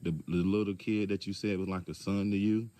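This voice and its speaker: Brief: man, low voice, measured and pointed, AAE features, calls someone out directly. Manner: calm but pointed, rhetorical questions. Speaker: commentator addressing a public figure. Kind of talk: direct-address video commentary.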